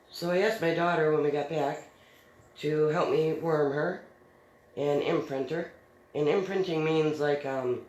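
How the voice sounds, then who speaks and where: Sitting low with a darkish tone, a middle-aged woman's voice narrates a casual story while she works on crafts for her video. She's chatty and easygoing, laughing often and leaning on many fillers. Faint noise and a roomy echo surround her.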